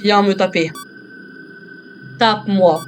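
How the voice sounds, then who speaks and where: A man's voice: high-pitched, steady tone, takes it slowly, a little hiss or hum. A male gamer doing joking commentary on a horror game, talking to himself and to viewers as he plays.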